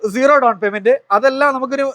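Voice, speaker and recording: A man's voice: very high voice, fast, a bit bright, no room sound. A man hosting a promotional car walkaround, mixing English words into his in enthusiastic sales patter full of tag questions. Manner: mixes English words into Malayalam. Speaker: video host presenting used cars.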